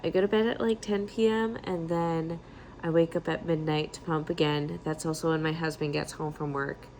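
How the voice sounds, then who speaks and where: A woman's voice: sits low, fairly even intonation, moderate pace, darkish tone, slight background noise, low-quality recording. A young adult woman talking casually to camera in a candid, self-deprecating, chatty way, like a vlogger. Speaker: vlogger and writer, new mother. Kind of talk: casual vlog talk to camera.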